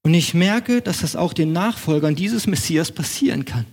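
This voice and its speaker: A man's voice: a little high, expressive, normal speed. A man preaching a sermon in German as pastor of his congregation, with an emphatic, repetitive cadence.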